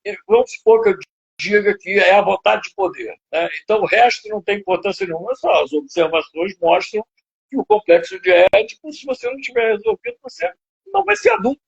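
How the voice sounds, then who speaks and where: An older man with a Brazilian Portuguese accent rambles through a lecture-like answer, full of fillers and tag questions. His voice is gravelly and husky, and it swings up high. The web stream audio sounds dull and lo-fi. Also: huge pitch swings, brisk. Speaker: psychoanalyst guest. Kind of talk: live interview, lecturing. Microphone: video call.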